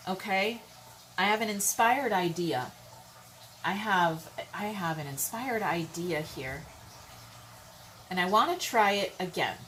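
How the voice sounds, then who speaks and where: Heard through poor audio with a little hiss or hum, a tarot reader speaks in a fairly low voice with a fairly bright tone. She is casual and chatty, speaks her mind bluntly, and repeatedly asks listeners "okay?" or "all right?"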